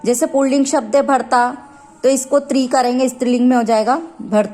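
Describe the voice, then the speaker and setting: A woman teacher with an Indian accent slowly explaining a grammar lesson from a textbook, stretching out the example words. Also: high voice, fairly even intonation, darkish tone, soft background music. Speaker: school teacher.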